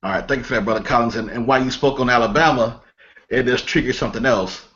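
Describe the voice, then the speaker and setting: A man co-hosting a panel discussion who answers haltingly, thinking aloud as he goes. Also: mid-range voice, a bit bright. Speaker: podcast co-host. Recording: dull, lo-fi audio.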